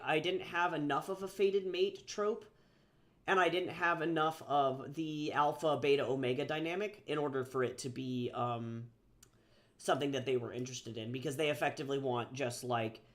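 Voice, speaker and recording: A man with a fairly high, slightly bright voice is drawing on a livestream while a little sick. The livestreaming artist and author chats casually and rambles, swearing, with lots of fillers and restarts.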